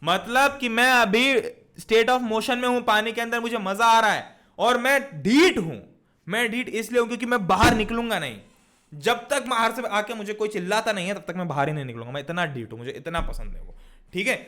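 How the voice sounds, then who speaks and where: A young man teaching a physics class online, explaining with everyday stories and rhetorical questions, and reading definitions out slowly. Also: high-pitched, animated, bright, forceful tone. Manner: reads definitions slowly and deliberately. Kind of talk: lively classroom lecture.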